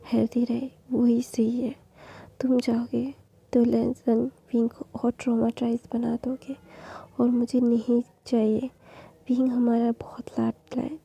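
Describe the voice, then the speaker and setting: A woman voicing a stern, pleading mother in a hoarse whisper, in a storytelling narration. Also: fairly high pitch, mellow, full character voice. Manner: pleading, insistent.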